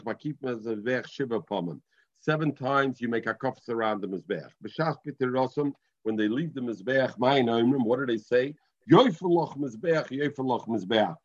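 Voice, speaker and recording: Muffled Yiddish-inflected man teaching Talmud. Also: mid-range voice. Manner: repeats and restates phrases. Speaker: religious teacher. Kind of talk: informal Talmud lesson, reading and explaining.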